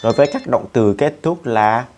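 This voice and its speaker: A man's voice: mid-range voice, animated, brisk, a little mellow. A man teaching French in an online lesson, patiently spelling out letters and drilling verb forms aloud.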